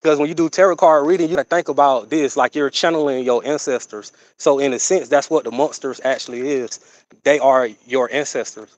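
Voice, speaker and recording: A man's voice: mid-range voice, fairly even intonation, no echo, low-quality recording. Rambling man on a dry livestream. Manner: rambling, drawn-out, full of fillers and "you know what I'm saying". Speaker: livestream host. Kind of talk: casual livestream chat.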